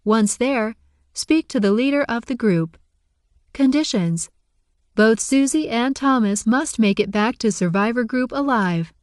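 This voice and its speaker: A woman's voice: fairly high pitch, lively intonation, a little slow, no room sound, clean studio sound. Woman as a formal game system voice. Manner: formal announcement reading. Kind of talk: audiobook narration.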